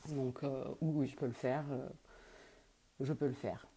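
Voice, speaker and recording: Hesitant woman with a husky, mellow voice. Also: very deep voice, fairly even intonation, measured pace. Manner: hesitant, many fillers and restarts, laughs often. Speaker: medium answering viewers' questions. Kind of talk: casual live-stream Q&A.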